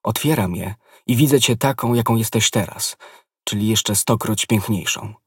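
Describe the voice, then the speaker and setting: A man voicing a passionate, devoted nobleman in an audiobook reading, with a low, slightly husky voice. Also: moderate pace, no echo, studio quality, far from the mic. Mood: ardent. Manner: passionate, impassioned declarations.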